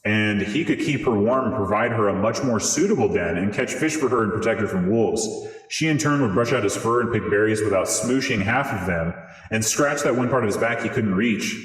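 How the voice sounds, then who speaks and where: A man reading a fairy tale aloud through a voice changer that morphs his voice, in steady storybook narration. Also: on the low side, a little fast. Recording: roomy with long reverb.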